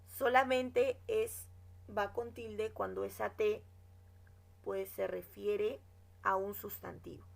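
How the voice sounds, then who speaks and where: A woman's voice: mid-range voice, steady tone, creaky. A woman teacher explaining grammar rules in a classroom lesson, reading example sentences and checking in with her students. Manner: explains slowly, checks with "¿no?" and "¿de acuerdo?"; reads example sentences aloud.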